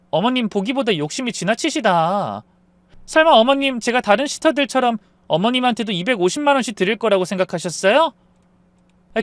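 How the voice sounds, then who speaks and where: A man voicing a rude, condescending young daughter-in-law with a sharp, mocking tone. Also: very high-pitched, dry recording, voice pushed up.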